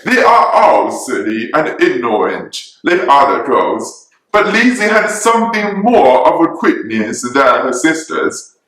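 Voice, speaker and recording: A man's voice: on the high side, sing-song, unhurried, a bit bright. A man playing a teasing, sarcastic middle-aged husband and father in a theatrical dramatic reading of a classic novel. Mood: dry, sardonic. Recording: echoey room.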